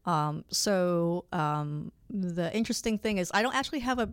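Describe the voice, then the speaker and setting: A woman in her forties from Hong Kong, a lawyer being interviewed, talking in a halting way with many fillers and restarts. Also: fairly low pitch, expressive, clear, resonant tone, no room sound, clean studio sound. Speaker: lawyer guest. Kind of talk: conversational interview.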